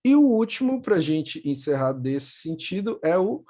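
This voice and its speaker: A young man with a Brazilian accent teaching English to children in a video call, patiently repeating words slowly. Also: on the high side, big pitch swings, dark tone. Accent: Brazilian Portuguese. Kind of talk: online class for children.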